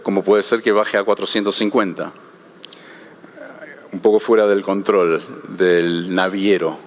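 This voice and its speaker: A man's voice: on the low side, a bit bright, slight background noise. A man speaking as a shipping panelist at a conference, hesitant and repeating words as he thinks.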